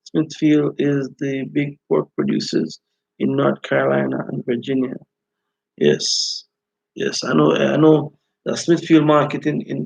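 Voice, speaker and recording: Guy doing live rasta style commentary, creaky voice, kinda dull lo-fi audio. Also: medium pitch. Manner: repeatedly checks listeners follow. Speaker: host of a live talk stream. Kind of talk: informal live commentary, reading out viewer comments.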